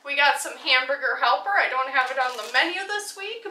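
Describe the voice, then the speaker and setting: A woman's voice: high-pitched, lively intonation, a little fast. A woman in her thirties chatting casually about her groceries in a home vlog, often laughing as she explains each item. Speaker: vlogger, mother. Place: home dining room, indoors. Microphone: camera mic from across the table. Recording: roomy, distant camera mic with noise.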